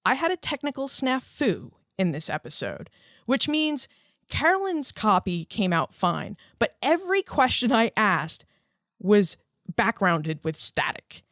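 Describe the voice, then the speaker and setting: Speaking at a measured pace in a medium-pitched voice, the history podcast host reads her scripted intro and questions with lively enthusiasm. The re-recorded studio voice-over sounds dry and studio-quality.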